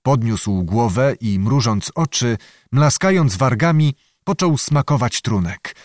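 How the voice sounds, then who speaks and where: A man narrating a historical novel as an audiobook, with expressive storytelling, in a dry, close recording. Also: mid-range voice, measured pace, no echo.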